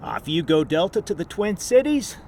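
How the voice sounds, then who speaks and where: A plane-spotting vlogger stands outdoors by an airport runway, commenting casually and spontaneously. His high, darkish voice swings widely in pitch at a normal pace, over faint vehicle noise and outdoor ambience.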